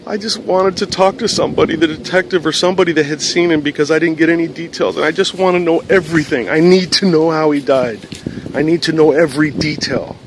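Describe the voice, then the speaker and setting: Man imitating a grieving woman on the phone: tipsy, halting, sorry to bother anyone, noisy background. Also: a little high, little pitch movement, voice pushed up, lightly acted. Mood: tearful pleading. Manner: pleading, apologetic, halting.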